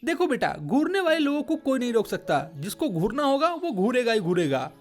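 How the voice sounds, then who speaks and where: A woman voicing a kindly old man gardener with a tin leg, who talks gently and patiently like a father. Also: on the high side, big pitch swings, brisk. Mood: fatherly.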